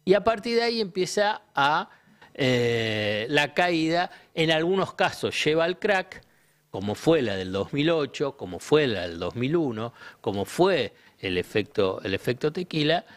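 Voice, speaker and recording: A man's voice: fairly high pitch, very animated, unhurried. Argentine man explaining like a teacher. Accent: Argentine Spanish. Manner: didactic, poses questions and answers them himself. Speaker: economist guest. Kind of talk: explanatory talk-show conversation.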